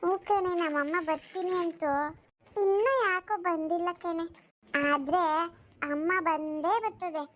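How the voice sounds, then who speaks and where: A woman voicing a sad little schoolgirl from a troubled home in a cartoon, soft and plaintive. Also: very high voice, fairly even intonation, a little slow. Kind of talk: cartoon voice acting.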